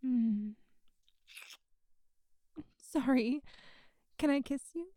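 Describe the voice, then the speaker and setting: A woman speaking softly and intimately in an audio roleplay, hushed and coaxing, sometimes dropping to a whisper, close to the mic. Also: on the high side, creaky, no echo.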